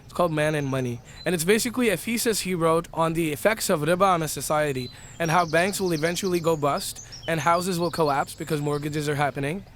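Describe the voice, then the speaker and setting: Brief: middle-aged man, Islamic lecture, lively, high voice, faint outdoor birdsong behind. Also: fairly quick, few pauses, slight background noise. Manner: animated, acts out the voices of traders and arguers. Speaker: Islamic teacher. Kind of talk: tafsir lecture.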